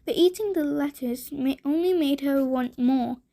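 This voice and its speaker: Slow, high-voiced woman reading a bedtime story. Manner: slow, gentle, deliberate reading.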